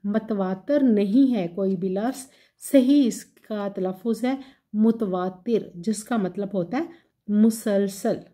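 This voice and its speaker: A woman teaches pronunciation at an unhurried, deliberate pace. Her voice is warm and mellow, and she corrects one word after another with calm care. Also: medium pitch. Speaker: language teacher. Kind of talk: pronunciation lesson.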